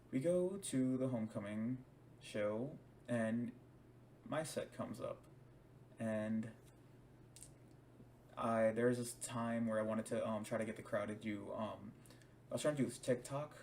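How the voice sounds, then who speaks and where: A man's voice: mid-range voice, a little mellow, far from the mic, a little hiss or hum. A young man telling a personal story to the camera, hesitant, with frequent restarts and repeated words. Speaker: DJ and stage performer. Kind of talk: personal account told to camera.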